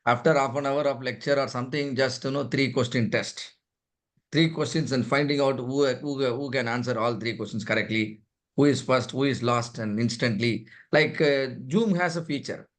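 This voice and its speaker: A man's voice: mid-range voice, moderate pace. A man with an Indian accent leading an interactive online class, prodding participants and repeating points to drive them home. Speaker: trainer leading an online session. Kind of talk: interactive teaching, calling on participants.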